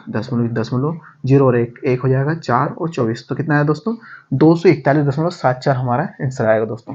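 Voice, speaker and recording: A man, his voice a touch higher than most men's, walks through sums step by step in a casual, chatty lesson. He keeps throwing questions back at his viewers and calling them friends. The sound is dull and lo-fi. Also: a little mellow. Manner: addresses viewers as friends, repeats steps, asks rhetorical questions. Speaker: maths teacher.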